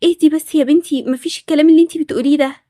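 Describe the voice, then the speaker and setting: A woman with an Egyptian accent voicing a patient parent who calmly soothes a suspicious daughter. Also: sits high, very fast, no echo, clean studio sound, lightly acted. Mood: soothing. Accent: Egyptian Arabic. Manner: soothing, placating.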